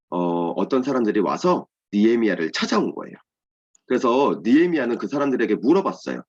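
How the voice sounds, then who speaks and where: A man giving a children's sermon, explaining simply and asking and answering his own questions. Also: lowish voice. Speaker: children's ministry pastor. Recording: dull lo-fi sound.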